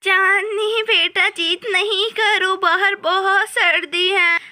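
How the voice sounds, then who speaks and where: A woman voicing a kindly grandmother who slowly coaxes a crying girl in a doll story. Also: very high voice, fairly even intonation, sharp tone, exaggerated voice. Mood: gentle. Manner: slow, coaxing.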